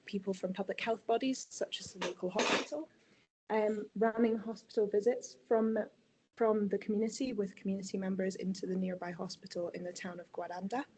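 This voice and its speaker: A woman walks through a presentation agenda on a video call. She speaks steadily and methodically at a middle pitch, with a faint hiss of noise behind her. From Scotland. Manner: steady, organized, opens with ums. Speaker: intern presenting a project.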